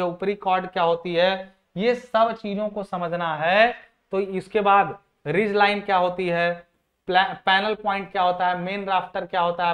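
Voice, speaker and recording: Addressing his viewers as friends, a man teaches civil engineering for exams, casually walking through diagrams while posing rhetorical questions and reiterating the main points. His voice sits high, and the recording has its high frequencies cut off.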